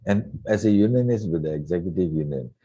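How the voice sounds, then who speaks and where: A man in his sixties from Singapore, a retired coach reflecting in an interview with many soft fillers. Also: sits low, animated, fast, slightly rough, lo-fi sound. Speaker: guest coach. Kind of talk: relaxed interview conversation.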